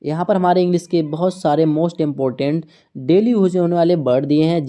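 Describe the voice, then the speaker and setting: A woman teaching English words to students, speaking slowly and repeating each word, spelling them out letter by letter and asking questions she answers herself. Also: fairly low pitch, warm tone. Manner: slow, repetitive teaching, frequent checks and questions to students. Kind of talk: online language lesson.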